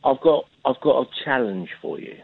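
A man's voice: medium pitch, animated, moderate pace, creaky, husky, no room sound. A man calling a radio show over the phone, playful and teasing. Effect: heard over a phone line.

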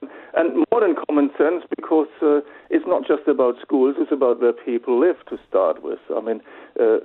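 A man calling into a radio show as a guest, speaking in a measured, hesitant way with many pauses. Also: mid-range voice. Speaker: phone-in guest, party spokesman. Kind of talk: radio interview over the phone. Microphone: telephone. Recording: tinny phone line.

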